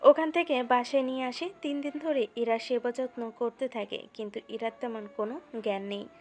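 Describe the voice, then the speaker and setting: A woman narrates a romantic story from a script. Her voice sits somewhat high, and she works as the storyteller between scenes of dialogue. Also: steady tone, moderate pace.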